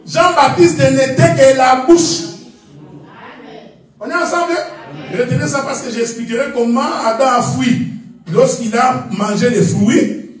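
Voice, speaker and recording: A man preaching a sermon, animated, repeatedly asking the congregation whether they follow him. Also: very high voice, unhurried, pauses often. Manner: animated, calls out to congregation for responses. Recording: echoey hall, mic at a distance.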